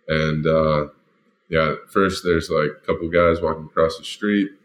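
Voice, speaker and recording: A man's voice: a bass voice, fairly even intonation, measured pace. A man, a former football lineman, casually tells a story, rambling and filling it with "like" and "you know". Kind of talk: casual spoken anecdote.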